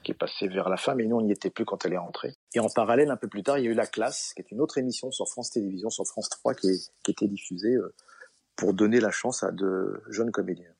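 A middle-aged man, a comedian guest in an interview, telling anecdotes in a relaxed way with many fillers and acted-out dialogue. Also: on the low side, quick pace, gravelly, breathy edge. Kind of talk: relaxed storytelling.

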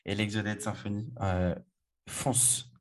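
A man's voice: fairly low pitch, moderate pace, dark tone. A man co-hosting a casual music podcast, enthusiastic and rambling with frequent restarts. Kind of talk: casual chat.

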